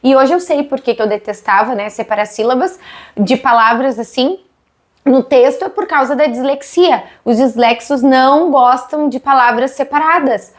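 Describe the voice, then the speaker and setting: A literacy educator in her thirties with a high-pitched voice and a Brazilian Portuguese accent explains how literacy is taught, speaking at normal speed and posing questions to her viewers.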